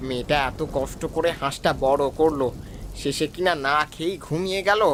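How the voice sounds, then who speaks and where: A man voicing a kindly village father in a cartoon, calm and coaxing. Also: a little high, a little fast, slight background noise, close to an everyday voice. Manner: calm, coaxing, stern when wronged. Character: kindly village husband and father, fair-minded. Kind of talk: cartoon voice acting.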